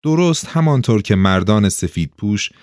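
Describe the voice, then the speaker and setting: A man reading an audiobook aloud in an expressive storytelling delivery. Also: on the low side, dry recording, studio quality. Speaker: audiobook narrator. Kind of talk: scripted narration.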